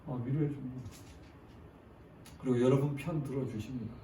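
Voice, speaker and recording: A man's voice: medium pitch, fairly even intonation, normal speed, warm tone, a little hiss or hum. A man preaching a sermon, often asking the congregation questions and acting out prayers in their voice. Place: church sanctuary. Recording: echoey church recorded from a distance.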